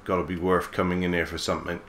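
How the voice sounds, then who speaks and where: Male let's player, deep monotone voice, laid-back musing. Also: quick pace, a little hiss or hum. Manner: relaxed musing, mild swearing. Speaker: gaming channel host. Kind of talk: let's play commentary.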